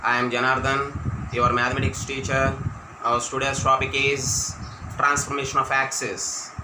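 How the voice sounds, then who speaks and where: A man with an Indian accent gives a classroom maths lecture, dictating points and saying phrases over again. His voice sits at some distance from the microphone in a roomy, echoing space. There is clear background noise throughout. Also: medium pitch, flat delivery, normal speed. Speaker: mathematics teacher. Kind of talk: classroom lecture for exam students. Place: echoey room, teaching at a board.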